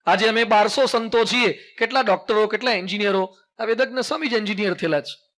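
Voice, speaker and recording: A high-pitched, bright-toned middle-aged monk delivering a sermon in a Gujarati accent. He tells folksy stories with jokes and leads his listeners in call-and-response, slipping English phrases into his talk. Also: fast. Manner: mixes English phrases into speech. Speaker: monk preacher.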